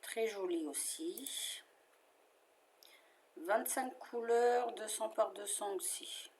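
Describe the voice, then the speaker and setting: A woman's voice: mid-range voice, takes it slowly, a little mellow, slight background noise. A woman with a French accent chatting casually as she shows her favorite cross-stitch patterns, with fillers and little asides.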